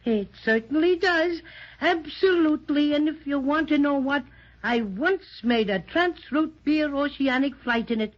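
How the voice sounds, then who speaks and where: A woman's voice: high-pitched, expressive, measured pace. A woman doing a chatty teddy bear. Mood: cheerful, chatty. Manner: chatty, folksy phrasing with throat-clearing and "to be sure". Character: small cheerful male teddy bear, chatty and boastful. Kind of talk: 1930s children's radio drama. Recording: dull 1930s radio transcription.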